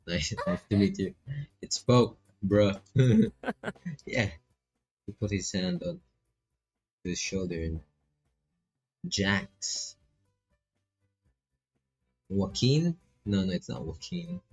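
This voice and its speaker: A Filipino gaming streamer with a fairly low, sing-song voice reads a game aloud very slowly, pausing often and throwing in joking, slangy asides. His lo-fi mic sounds slightly dull, and faint game music plays behind him.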